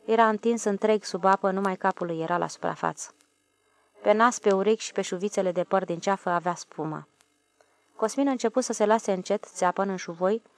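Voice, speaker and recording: A woman narrating an audiobook in a steady, measured reading. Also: medium pitch, dry recording. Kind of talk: scripted narration.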